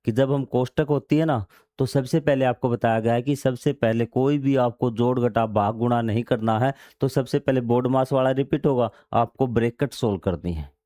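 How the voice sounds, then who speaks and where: Mellow-voiced man teaching maths. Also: medium pitch, normal speed, no room sound. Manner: asks questions and answers them himself, repeats key steps; reads textbook passages aloud, then explains in everyday words. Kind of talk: explaining a textbook lesson.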